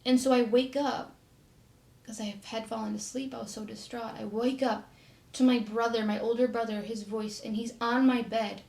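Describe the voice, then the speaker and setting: Soft-spoken young woman with a creaky voice. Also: on the high side, fairly even intonation. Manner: soft-spoken and halting, often trailing off quietly. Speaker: vlogger telling her own story. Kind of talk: personal storytelling to camera.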